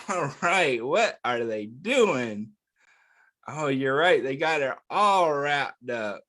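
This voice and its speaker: A man leads children's storytime, reading a picture book aloud extremely slowly in a medium-pitched, bright, forceful voice full of expression. He talks straight to his young listeners, posing simple, encouraging questions and answering them himself.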